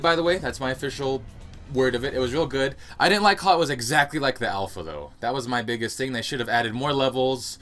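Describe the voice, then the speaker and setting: A man's voice: mid-range voice, fairly bright tone. A young man hosting his gaming channel, chatting through a casual Q&A in a rambling, laughing way, recorded at home. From United States. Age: young adult. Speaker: YouTube gaming channel host. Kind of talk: casual Q&A monologue.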